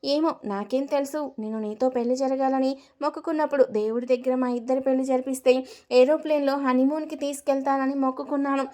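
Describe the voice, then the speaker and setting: A woman's voice: high voice, steady tone, quick pace, dark tone, natural voice. A woman reading out the lines of a playful young husband who teases his new bride with mock fear. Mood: teasing. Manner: teasing, mock-fearful.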